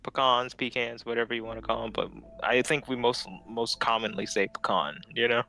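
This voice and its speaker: A man's voice: medium pitch, steady tone, brisk, creaky, pushed and bright, poor audio. A man chatting casually, rambling and laughing often. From Philippines. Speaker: streamer chatting while drawing. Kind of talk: casual chat.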